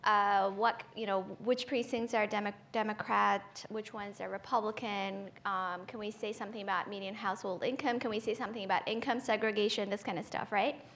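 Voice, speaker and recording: Speaking fairly quickly with few pauses, this Ethiopian AI researcher has a medium-pitched, fairly bright voice and fairly even intonation. On a conference forum panel, she thinks aloud conversationally, with many fillers and restarts, finishing points with "right?".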